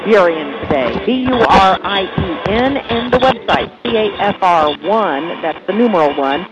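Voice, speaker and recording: A man hosting a radio talk show, announcing breaks and introducing his guest in a brisk, announcer-like way. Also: high-pitched, animated, dull audio. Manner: brisk, announcer-like, spells things out. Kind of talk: radio host patter. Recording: noisy radio broadcast.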